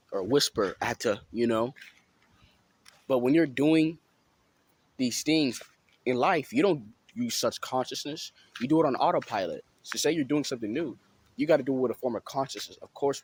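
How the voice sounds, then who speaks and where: A man's voice: mid-range voice, husky. Rambling casual man musing aloud. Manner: rambling, filler-heavy, keeps asking "you know what I'm saying". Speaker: spiritual vlogger. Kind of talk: casual motivational talk.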